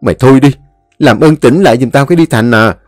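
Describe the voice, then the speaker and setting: A man's voice: medium pitch, expressive, fast talker, dark tone, no echo, clean studio sound, soft background music, lightly acted. A man voicing a young man who insists and reassures his friend. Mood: insistent. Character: young man trying to stay calm.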